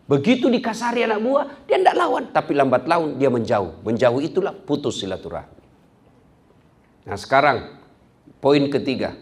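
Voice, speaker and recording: Middle-aged preacher guy, funny sermon, voice jumps all over, acts stuff out loud. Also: medium pitch, moderate pace, pauses often. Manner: lively, acts out quarrels in a raised voice, swings from loud to soft. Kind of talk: humorous sermon.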